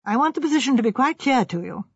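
Woman playing a stern, formal policeman, husky. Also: a little high, dry recording, muffled recording, close to an everyday voice. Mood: warning. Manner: measured, official, unemotional. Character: stern, formal male police inspector or officer.

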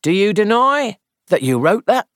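A reader voicing a methodical police inspector, asking formal, measured questions. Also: medium pitch, big pitch swings, fairly bright tone, dry recording, studio quality, voice pushed up. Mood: probing.

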